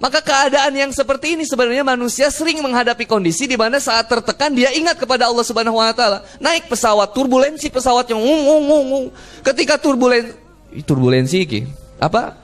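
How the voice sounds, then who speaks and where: A man's voice: very high-pitched, expressive, fast, fairly bright tone. A man preaching a sermon, telling funny stories and acting out the people in them. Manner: jokey, acts out dialogue, frequent laughter from crowd. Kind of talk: humorous sermon storytelling.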